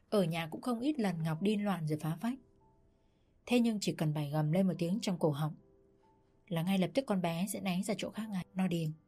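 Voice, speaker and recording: Female audiobook narrator, lower register, steady dramatic delivery over faint music. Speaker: storyteller.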